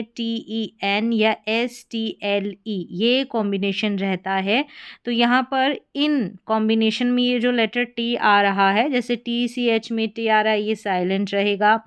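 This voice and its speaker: A woman's voice: a little high, clear, resonant tone. A woman teaching English spelling to beginners, patiently repeating each word and asking learners what to read.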